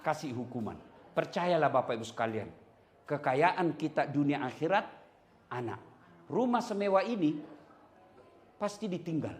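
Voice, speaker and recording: A man preaching a lively sermon to a congregation, animated and playful, asking questions and answering them himself. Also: on the high side. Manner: animated, playful, acts out quoted voices. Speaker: Islamic preacher.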